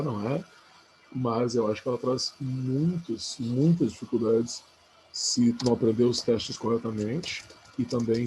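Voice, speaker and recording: A man's voice: medium pitch, a little mellow, a little hiss or hum, poor audio. A man giving a casual spelling review lesson, chatty and coaxing, often checking in with the listener. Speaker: Portuguese teacher.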